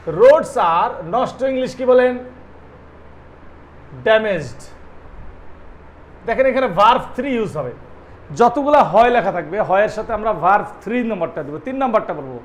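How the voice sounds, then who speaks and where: A man's voice: high-pitched, lively intonation, moderate pace, long pauses. A man teaching an English lesson, asking and answering his own questions and spelling words out letter by letter. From Bangladesh. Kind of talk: spoken language lesson.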